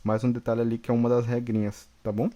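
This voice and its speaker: A man from Brazil teaching an English lesson, patiently repeating each example slowly and checking in with the class. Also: medium pitch, little pitch movement, warm tone, highs cut off.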